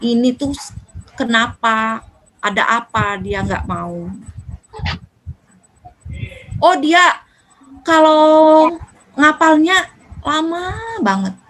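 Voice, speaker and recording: A woman's voice: sits high, very slow, pauses often, low-quality recording. A woman giving a religious talk to parents, acting out the things parents say to their children. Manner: lively, acts out quoted dialogue with children. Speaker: parenting speaker.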